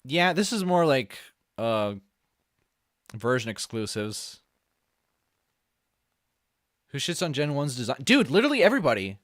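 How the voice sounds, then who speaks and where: A man streaming live, reacting to a video with excitable, swearing, joking commentary. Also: mid-range voice, slow pace, long pauses, no echo, studio quality. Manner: excitable, swears, laughs and jokes a lot.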